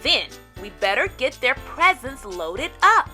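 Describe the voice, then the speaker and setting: Storybook Santa Claus, performed by a woman: old man, hearty and booming, animated delivery, unhurried. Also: faint music behind, heavily acted. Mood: jolly.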